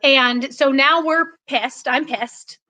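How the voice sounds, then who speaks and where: A woman's voice: sits high, slow, pushed and bright, slight background noise, low-quality recording. A woman in her forties, a political candidate talking passionately in a podcast conversation, emphatic and full of restarts.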